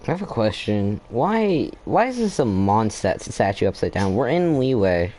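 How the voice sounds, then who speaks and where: Playing through a game's story quest, this man offers casual let's-play commentary in a mellow, lowish voice that swings widely in pitch at a measured pace. He thinks aloud in a laid-back way, frequently trailing off and starting sentences over, and reacts with brief exclamations.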